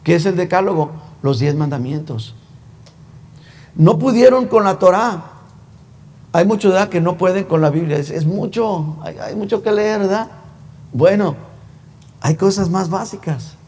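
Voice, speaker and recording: Male pastor, chatty sermon, fairly high voice, long church echo. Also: expressive, a little slow, pauses often, darkish tone. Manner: conversational, rhetorical questions, teasing. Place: church sanctuary.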